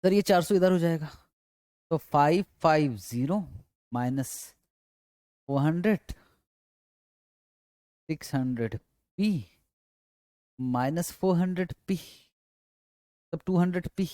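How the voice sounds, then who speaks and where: A man's voice: fairly high pitch, slow pace, pauses often, darkish tone, dry recording. A male teacher lectures in a dry, close sound, walking through each step and coaxing his listeners along. He keeps repeating points and answers the questions he puts to the class himself. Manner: repetitive, coaxing.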